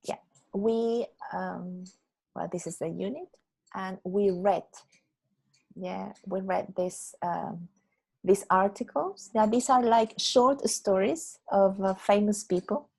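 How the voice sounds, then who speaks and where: Woman, English teacher on a video call, mid-pitched and gravelly, patient and repetitive, checks understanding often. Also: rough recording. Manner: patient, explains slowly, checks understanding with "yeah?". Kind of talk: online English lesson.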